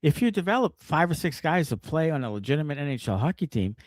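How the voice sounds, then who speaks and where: A man hosts a casual sports podcast, talking in a lively, swinging voice that rises and falls a lot. He rants with plenty of swearing. The sound is close and dry. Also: a little high, fast talker, no room sound. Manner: animated, profane ranting. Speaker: podcast host.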